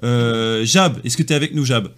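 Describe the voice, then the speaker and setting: A man's voice: mid-range voice, moderate pace, fairly bright tone, clear, resonant tone. A man hosting a live call-in discussion casually, encouraging his guests and prompting them with questions. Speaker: host.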